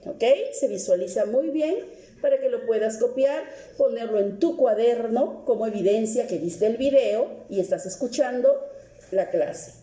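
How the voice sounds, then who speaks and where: A woman teaching an English lesson on video, speaking slowly and patiently and repeating each example, with a Peruvian Spanish accent. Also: fairly high pitch, mellow, reverberant.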